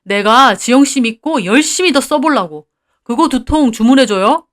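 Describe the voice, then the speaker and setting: A woman's voice: sits high, expressive, moderate pace. A woman voicing a friendly middle-aged male client of a hair-care business, talking in a familiar, chummy way.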